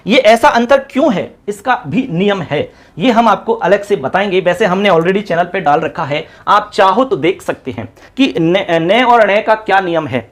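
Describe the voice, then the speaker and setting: A man's voice: sits high, animated. Man, teacher, exam-prep grammar lesson, rhythmic chanted recitation. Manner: chants word forms in quick recitation, addresses viewers as friends. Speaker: Sanskrit teacher.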